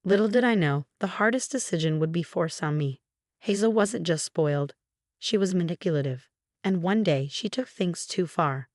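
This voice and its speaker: A woman narrating a first-person story in a steady, even storytelling manner. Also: lowish voice, moderate pace, no echo, clean studio sound.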